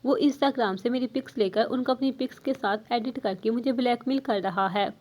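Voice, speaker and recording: A woman's voice: a little high, a little mellow, natural voice. Woman reading as a frightened pleading wife. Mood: anxious. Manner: anxious, pleading.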